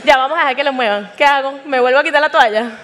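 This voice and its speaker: Woman on stage, high voice, chatty and self-mocking, acts out quotes. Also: racing, fairly bright tone, slight background noise. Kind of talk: humorous personal testimony talk. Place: auditorium stage before a live audience.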